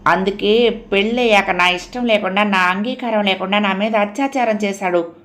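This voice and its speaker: A woman voicing a troubled young wife who is tearful, defiant and quick to burst out in anger, read in an audiobook novel. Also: mid-range voice, a bit bright, close to an everyday voice. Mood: bitter, intense. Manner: emotional, bursts out angrily.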